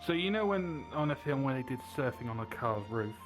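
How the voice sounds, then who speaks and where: A man's voice: medium pitch, animated, fairly quick, over loud music. A man chatting casually in character in an online role-play game.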